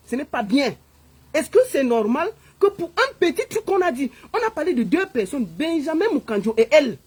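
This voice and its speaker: Animated Cameroonian woman scolding. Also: high voice. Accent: Cameroonian French. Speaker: online commentator. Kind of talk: casual opinion monologue.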